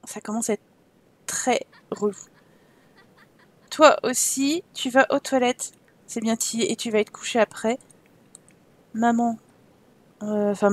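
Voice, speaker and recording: A woman's voice: fairly high pitch, dry recording. A woman giving casual, chatty commentary while playing a life-simulation game, teasing her characters and getting exasperated. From France. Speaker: game streamer.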